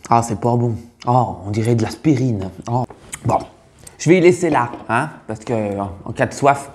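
A man's voice: mid-range voice, normal speed, darkish tone, a little hiss or hum, lightly acted. A man playing a brash, crude female farmer with a Burgundian accent in a comic sketch. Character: brash middle-aged female farmer from the countryside. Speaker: taste-tester.

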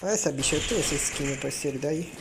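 A woman streaming a mobile shooter live, keeping her voice down but cursing and groaning excitedly at missed shots. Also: low-pitched, quick pace. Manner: keeps voice down, can't narrate loudly. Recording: noisy stream audio with mic clicks.

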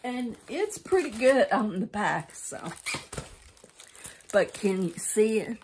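At home, a middle-aged woman who vlogs about crafts sits and chats casually while showing a craft kit. Her medium-pitched voice is animated and a little mellow, and she speaks slowly, rambling and correcting herself. The phone camera pointed at her lap picks up slight hiss or hum.

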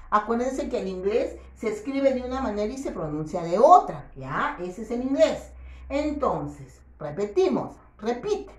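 A woman teaching a children's English lesson, patient and coaxing, who slowly repeats words for the class and keeps checking that they follow. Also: on the high side. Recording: roomy echo.

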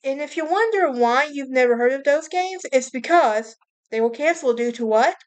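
A woman's voice: high-pitched, lively intonation, moderate pace. A woman hosting a casual history podcast, chatty, tripping over names and laughing at herself. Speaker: podcast host.

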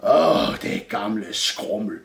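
A man voicing a small, grumpy male Christmas elf who shouts in a high, irritable voice. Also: big pitch swings, creaky, heavily acted. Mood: muttering. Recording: roomy echo.

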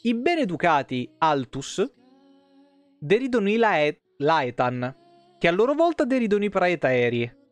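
This man's voice sits high and swings widely in pitch, moving a little slowly. A live streamer at home in a small room, he reads game lore with casual cursing and the odd stumble he self-corrects. Background music plays faintly.

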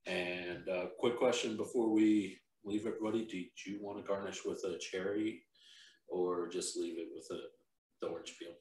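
A man's voice: sits low, steady tone, moderate pace, darkish tone. A man hosting a casual whiskey-tasting chat, talking loosely with lots of fillers. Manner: laid-back, rambling with fillers. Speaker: podcast host. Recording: roomy, from a distance.

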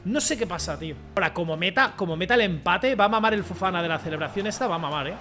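A young man commentating his own football game. He rants, pleads and shouts at the play, swinging from low mutters to loud yells. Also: expressive, rapid-fire, faint music behind. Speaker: gaming streamer. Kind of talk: excited gameplay commentary.

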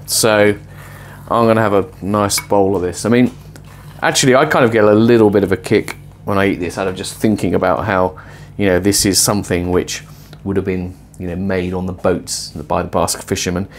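A middle-aged man presenting a cooking and philosophy film in his home kitchen, explaining ideas in a thoughtful, lively way. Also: lowish voice, a little hiss or hum. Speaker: host.

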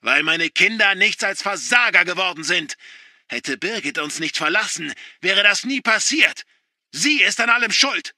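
A furious middle-aged father hurls scorn in a raised, strained shout, voiced by a man reading a story. The voice sits higher than normal speech and rings hard and bright. The sound is dry and close, with no room around it. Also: normal speed, dry recording. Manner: shouting, contemptuous.

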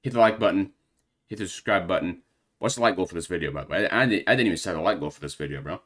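A young man with a notably low voice chats casually to his viewers. He rambles in slangy, filler-heavy talk, a bit out of breath. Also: very fast, fairly bright tone. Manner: rambling, loose slangy chat with lots of fillers. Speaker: reaction video host. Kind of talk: casual reaction commentary.

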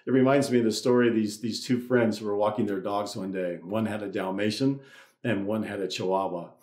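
A man's voice: fairly low pitch, fairly even intonation, brisk, darkish tone. A man giving a conversational Easter sermon, often restarting and repeating words as he goes. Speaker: priest. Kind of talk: Easter sermon with a told joke. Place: church. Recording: roomy church echo.

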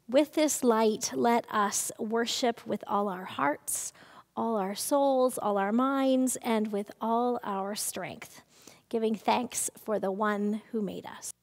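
A middle-aged woman leading a church service, reading the call to worship and prayers in a slow, measured way. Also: on the high side. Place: church sanctuary, seated at a table. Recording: reverberant church hall.

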